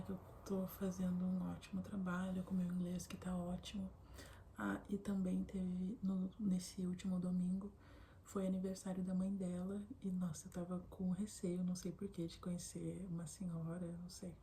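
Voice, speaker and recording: A young woman from southern Brazil chatting casually to camera from her bedroom, often slipping into a soft whisper. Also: fairly low pitch, level tone, moderate pace. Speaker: vlogger. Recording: faint background noise.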